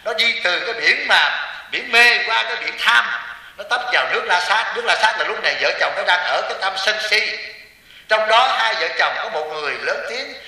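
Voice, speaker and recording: High, bright-voiced monk in an echoing hall. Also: male voice, expressive, fairly quick, distant mic. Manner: joking, with rhetorical questions to the audience. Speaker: Buddhist monk teacher. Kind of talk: sermon to lay followers. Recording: echoey hall with long reverb.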